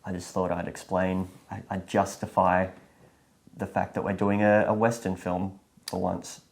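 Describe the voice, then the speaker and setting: A man's voice: low voice, flat delivery, measured pace, creaky. A man co-hosting a casual chat, explaining matter-of-factly how the project came about. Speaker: filmmaker and co-host.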